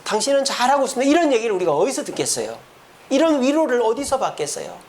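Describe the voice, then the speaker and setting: Pastor, male, high and animated delivery, faint room noise, lively sermon to the congregation. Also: fast talker. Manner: lively preaching with rhetorical questions to the congregation. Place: church sanctuary.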